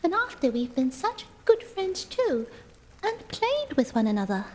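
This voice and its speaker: Woman doing tiny squeaky indignant piglets. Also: big pitch swings, a little slow, vocal fry, breathy edge, exaggerated voice.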